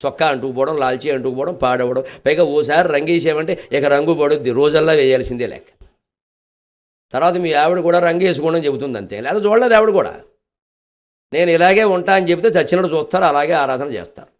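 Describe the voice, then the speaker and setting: A man's voice: on the high side, fast. An older man with a Telugu accent delivering a devotional discourse, telling the epic with humorous asides and acted-out quotes. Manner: animated storytelling, acting out quotes, humorous asides. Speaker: spiritual discourse speaker.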